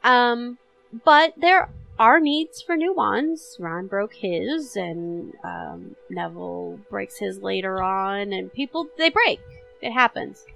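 A woman's voice: medium pitch, big pitch swings, takes it slowly, creaky, fairly bright tone, faint music behind, low-quality recording. A woman co-hosting a podcast in casual chat, explaining her ideas at length with fillers. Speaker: podcast co-host.

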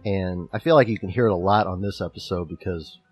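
A man's voice: low-pitched, fast talker, faint music behind. A man with a slight lisp, co-hosting a casual podcast chat about a book chapter and rambling with restarts. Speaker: podcast co-host.

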